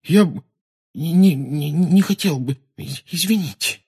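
A man's voice: on the high side, a little slow, gravelly, darkish tone, husky, voice pushed up, heavily acted. A man reading an audiobook voices a flustered schoolboy who stammers and apologises.

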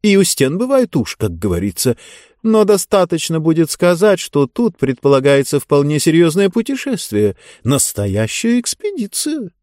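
A chatty talking book with a knowing, confiding way of speaking, as a man reads her lines. The voice is raised above his own and swings widely in pitch. It is warm and mellow, and recorded close and dry. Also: moderate pace, no room sound. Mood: sly. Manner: lively, confiding storyteller tone. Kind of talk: audiobook character voice.

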